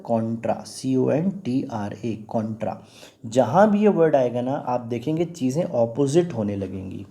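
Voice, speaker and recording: A man's voice: medium pitch, dark tone. A man with an Indian accent teaching English vocabulary in Hindi, patiently repeating and spelling out words. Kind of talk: explaining word meanings in Hindi with English terms.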